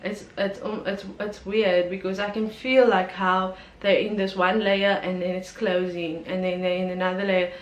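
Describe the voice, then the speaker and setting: A woman's voice: medium pitch, level tone, moderate pace, hardly any pauses. A woman from South Africa telling a personal story on her vlog, candid and emotional, with lots of ums and likes. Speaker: YouTuber. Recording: roomy echo with faint background noise.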